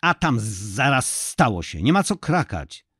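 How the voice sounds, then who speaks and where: A man's voice: medium pitch, big pitch swings, unhurried, fairly bright tone, breathy edge, no echo, clean studio sound, pitched above the performer's own voice, exaggerated voice. A man voicing a worried, curt father looking for his daughter. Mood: reassuring. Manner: curt, irritated.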